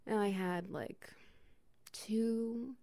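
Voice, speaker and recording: A woman speaking a soothing ASMR comfort roleplay, soft and gentle, often slipping into a whisper. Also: medium pitch, fairly even intonation, drawn-out words, creaky, dry recording. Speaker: ASMR performer.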